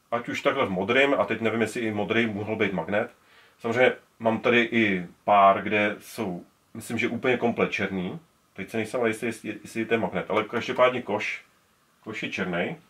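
Speaking in a fairly bright, lowish voice, a speaker collector in his forties gives a casual show-and-tell of his collection. He rambles and restarts often while handling the gear in an indoor room full of speakers.

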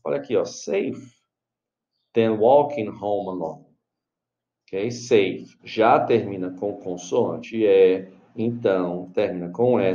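Slow, patient Brazilian man teaching. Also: lowish voice, warm tone, lo-fi sound. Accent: Brazilian Portuguese. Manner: slow, patient, repeats and checks with "tá bom?". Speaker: English teacher. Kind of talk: explaining an online grammar exercise.

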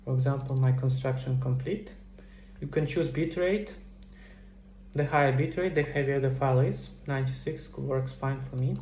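This screen-recorded game development tutorial features a middle-aged man speaking casually into a headset from a small room at a computer. His voice sits at medium pitch with a darkish tone and a moderate pace. Faint background noise and a roomy echo color the audio.

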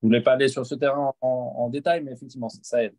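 Fast-talking man with a dry sound. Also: mid-range voice, steady tone, a little mellow, dry recording. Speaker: panelist. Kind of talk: casual panel discussion.

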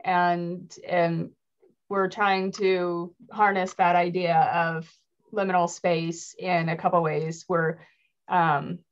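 A middle-aged woman speaking articulately as a guest on a video call, laughing easily. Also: lowish voice. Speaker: guest, worshiping community leader. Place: room at home by a window. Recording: dull lo-fi call audio.

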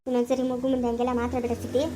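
A woman playing a sharp-tongued village mother and farm owner who scolds workers and coos to her baby. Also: on the high side, completely flat delivery, rapid-fire, noisy background, natural voice. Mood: soothing.

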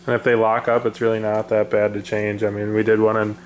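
Low, flat-voiced man in an echoey garage. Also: fairly quick. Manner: relaxed, rambling, lots of fillers. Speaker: off-road video host. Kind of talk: casual garage chat. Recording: echoey room with faint noise.

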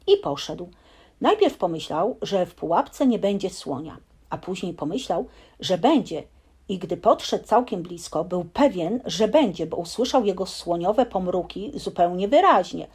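A woman reading a bedtime story aloud in a lively, expressive storytelling manner. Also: on the low side, normal speed, husky.

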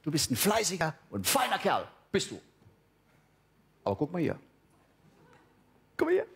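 An actor playing a vain, dim-witted male TV show host in a stage cabaret, boastful and patronizing, with sudden loud outbursts. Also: on the high side, wildly swooping pitch, normal speed, breathy edge, exaggerated voice.

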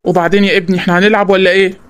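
Give me a voice actor playing a grumpy Egyptian cartoon father who talks very fast. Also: flat delivery, slight background noise, close to an everyday voice. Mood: soothing. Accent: Egyptian Arabic. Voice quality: pitched-up cartoon voice. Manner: gruff, scolding.

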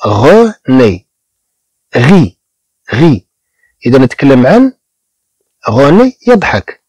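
A man from Morocco who teaches beginners French. He repeats each word slowly and explains it in Moroccan-accented Arabic. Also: mid-range voice, sing-song, darkish tone, no room sound, rough recording. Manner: slow repetition of words, explaining in Arabic.

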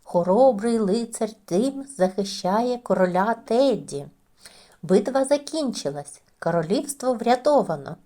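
Woman reading a kids fairy tale, super expressive, voice jumps all over. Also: a little high, unhurried. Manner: expressive, animated storytelling. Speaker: storyteller. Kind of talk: children's fairy tale narration.

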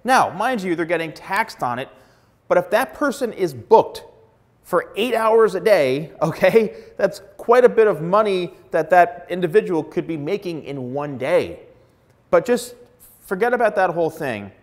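A man's voice: sits high, animated, measured pace. Blunt, emphatic male hairstylist vlogger. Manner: emphatic, blunt, repeats words for stress. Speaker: hairstylist giving advice. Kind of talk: direct-to-camera advice vlog. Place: plain studio backdrop indoors. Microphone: lapel mic.

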